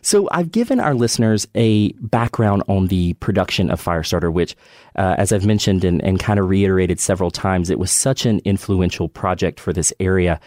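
A man hosting a podcast, reading a measured scripted narration and then asking a guest friendly questions. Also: deep voice, darkish tone, no room sound, studio quality. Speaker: podcast host.

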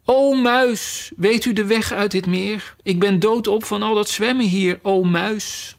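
A man with a gravelly voice, voicing a curious, polite young girl who chatters eagerly and apologizes often. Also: high voice, unhurried, pitched above the performer's own voice.

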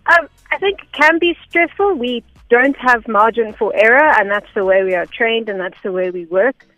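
On the radio, a South African air traffic information officer walks through things step by step, chatty and down to earth. Her voice sits on the high side, a bit bright with lively intonation at a moderate pace, muffled but echo-free, over faint music.

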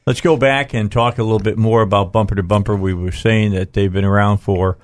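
A man's voice: fairly low pitch, fairly even intonation, a little fast, no room sound. Male radio host, dry studio sound. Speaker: radio talk show host. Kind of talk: casual live radio conversation.

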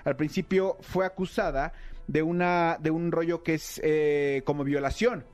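A man with a Mexican accent, a radio host telling a story in casual chat with animated energy and playful mock voices. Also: fairly high pitch, unhurried, faint music behind.

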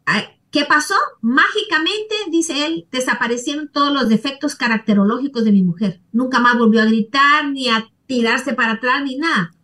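High-voiced woman therapist explaining. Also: moderate pace, few pauses, distant mic. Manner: storytelling, warm tag questions. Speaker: therapist, guest. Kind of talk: conversational explaining with anecdotes.

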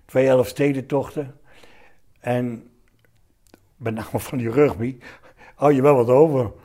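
An elderly man reminisces in a relaxed interview setting. He tells his anecdotes haltingly, in short fragments. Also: mid-range voice. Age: 70s. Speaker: interviewee, retired commando veteran.

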